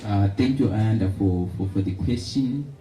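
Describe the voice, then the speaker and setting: A young man speaks as a youth panelist, often repeating words as he builds his points. His voice is low and very dark. He is recorded from a distance in an echoing hall. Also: moderate pace, soft background music. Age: young adult. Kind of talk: panel discussion remarks. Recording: echoey hall from far off.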